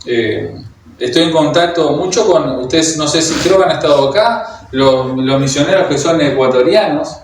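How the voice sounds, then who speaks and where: A man with a Uruguayan Spanish accent delivers a sermon in a slightly raised voice, pausing often on fillers and starting his sentences over. He sounds far from the microphone, with heavy echo from a large hall and a faint hum of room noise. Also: on the high side, lively intonation. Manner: hesitant, many fillers and restarts, speaks directly to the congregation. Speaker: preacher. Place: church hall. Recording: very echoey hall, heard from a distance.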